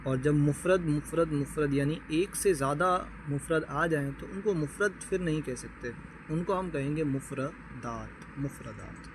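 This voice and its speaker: A man with a somewhat high voice gives a patient beginners' lesson on reading the Quran. He explains each term, checks that his listeners follow, and sounds out Arabic letters slowly one at a time. Faint traffic hums in the background. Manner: patient, repeats terms and checks with "okay?".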